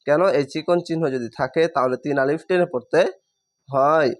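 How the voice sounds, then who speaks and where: Slow, careful Quran reading teacher. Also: male voice, a little high. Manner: spells each word letter by letter, then draws out the whole word slowly. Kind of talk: spelling-out recitation lesson.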